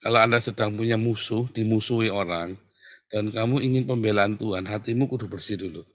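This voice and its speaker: A man preaching a sermon in casual everyday speech. He swings between loud exhortation and soft hushed asides, and laughs at his own jokes. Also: on the low side, brisk, no echo, clean studio sound. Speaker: pastor.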